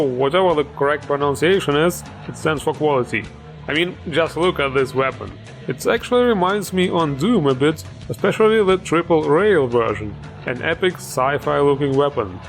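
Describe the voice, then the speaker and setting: A man's voice: on the high side, expressive, normal speed, soft background music. A man hosting a game mod showcase, upbeat and joking, with plenty of enthusiasm. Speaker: host.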